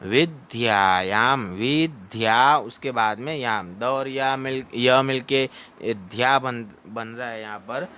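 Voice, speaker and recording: Male recitation teacher, very slow and deliberate, smooth clear voice, breaks words into syllables and chants them. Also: medium pitch, pushed and bright. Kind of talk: pronunciation lesson.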